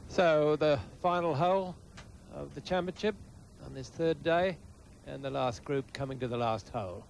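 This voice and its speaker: A man's voice: fairly high pitch, normal speed, vocal fry, slight background noise. A man giving live golf commentary in short, clipped phrases.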